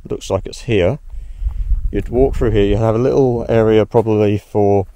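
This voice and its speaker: A man with a low, mellow voice wanders through an old ruin, thinking aloud as he goes. His curious, casual narration drifts from one find to the next. He is recorded outdoors on a handheld camera. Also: steady tone, moderate pace, slight background noise. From Australia. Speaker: exploration vlogger. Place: outdoors at a ruined house.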